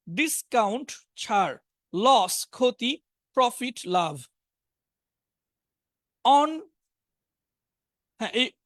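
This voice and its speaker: A man with a Bengali accent teaches an online spoken English class, slowly reading out English words and example sentences and giving each meaning. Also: very high voice, fairly bright tone, no echo, studio quality. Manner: reads word lists slowly, pairing each English word with its meaning.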